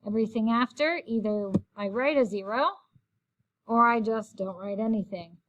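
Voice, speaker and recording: A woman's voice: on the high side, normal speed, lo-fi sound, noisy background. A woman teacher walking through a recorded math lesson, explaining each step in a friendly, patient way.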